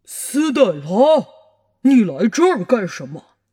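A woman's voice: fairly high pitch, very animated, takes it slowly, mellow, slightly rough, pitched below the performer's own voice, exaggerated voice. A woman voicing a big, bossy, growling male monster who lives under a child's bed, in a storybook reading. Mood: gruff.

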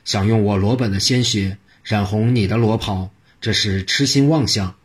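A man's voice: on the low side, normal speed, breathy edge. A man voicing an arrogant, defiant old prime minister in a told story. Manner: haughty and defiant.

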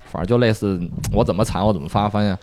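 A young man, a guest on a podcast, telling his own stories in a soft, relaxed way with many small restarts. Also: fairly low pitch, fast talker, a little hiss or hum. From China. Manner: soft-spoken, relaxed storytelling with frequent restarts. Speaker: guest, police officer. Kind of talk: casual podcast chat.

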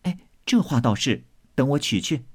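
A man reading aloud voices a proud, sharp-tongued young maidservant who speaks with sarcasm and indignation, in a storybook reading. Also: mid-range voice, expressive, normal speed, slightly rough, dry recording, studio quality. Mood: sharp retort.

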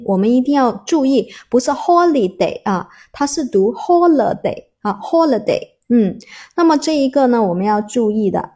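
A woman's voice: high voice, dark tone. A woman teaching an English vocabulary word, explaining patiently, spelling letters out and repeating herself with many fillers. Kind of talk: explaining a word step by step to learners.

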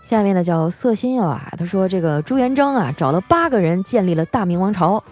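A woman's voice: mid-range voice, animated, fairly quick, over music. A woman radio host reading out listener jokes in a playful, teasing way and laughing often.

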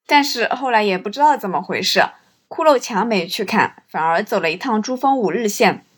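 A woman's voice: medium pitch, lively intonation, normal speed, slightly rough. A woman hosting and narrating a scripted first-person travel story in a reflective, literary way. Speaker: storyteller and host.

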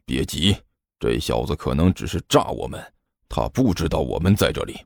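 A man voicing a nervous middle-aged male school director who mutters low and stammers. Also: wildly swooping pitch, takes it slowly, darkish tone, dry recording, exaggerated voice.

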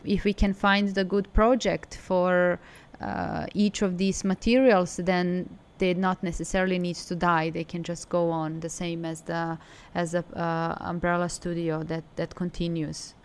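A woman's voice: on the low side, flat delivery, unhurried, clean tone. A woman from Serbia with a Serbian accent, answering conversationally as an interview guest. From Serbia, from Belgrade. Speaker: interview guest, design studio co-founder.

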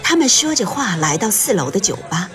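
A woman reading an audiobook aloud in gentle, measured scripted narration. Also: mid-range voice, very animated, soft background music.

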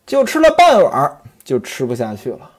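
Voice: mid-range voice, wildly swooping pitch, moderate pace, slightly rough. A storyteller retelling a classic novel in a conversational way, turning often to the listeners.

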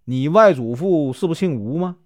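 A man's voice: fairly high pitch, lively intonation, normal speed, dry recording, studio quality, close to an everyday voice. A man doing a chatty, scolding old auntie. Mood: fussy, chatty. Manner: talkative, fussy, scolds loudly.

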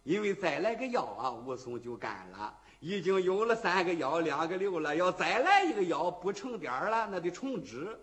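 A man performing a traditional Shandong fast-clapper story, narrating in a rhythmic, vivid and dramatic way. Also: high-pitched, big pitch swings, fairly bright tone.

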